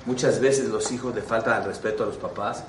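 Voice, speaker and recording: A man's voice: on the low side, fairly quick, slight background noise. Man preaching in an echoey room. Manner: animated, storytelling, asks the audience questions. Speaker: rabbi teaching a class. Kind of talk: sermon with stories and rhetorical questions. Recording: echoey room, mic at a distance.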